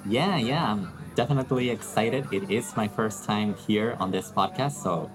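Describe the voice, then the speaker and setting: Low-voiced Peruvian man. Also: normal speed, music in the background, low-quality recording. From Peru. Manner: friendly, thoughtful, with fillers. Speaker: English teacher, guest. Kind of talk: interview conversation.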